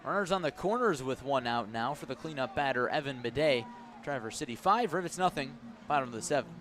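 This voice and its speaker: A medium-pitched man speaks expressively and fairly quickly in a slightly bright tone, calling live radio play-by-play of a baseball game with vivid description and a raised voice on the action. He's recorded outdoors at a ballpark, with ambient noise behind.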